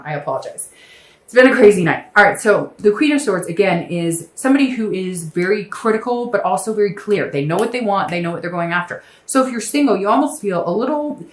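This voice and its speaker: A woman giving a casual tarot reading from home, talking in a chatty, conversational way with emphatic asides. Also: on the low side. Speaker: tarot reader. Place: room at home. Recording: echoey room.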